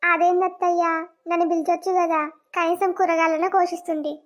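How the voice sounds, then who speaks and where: Woman voicing a stern, very high young wife. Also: flat delivery, fairly quick. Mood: polite. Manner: scolding, blunt village speech. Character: stern young wife, sharp-tongued when crossed. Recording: dull lo-fi cartoon audio.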